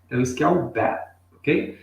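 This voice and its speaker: A man's voice: medium pitch, fairly quick, gravelly. Brazilian man teaching in an echoey room. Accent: Brazilian Portuguese. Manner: patient, drills pronunciation, checks in with "tá?" and "ok?". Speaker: English teacher. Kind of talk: online English lesson for Portuguese speakers.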